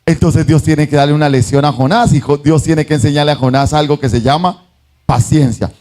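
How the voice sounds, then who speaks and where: High-voiced, lively preaching pastor. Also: male voice, fairly quick. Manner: animated, acts out the voices of the story; asks the congregation "¿sí o no?". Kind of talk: sermon.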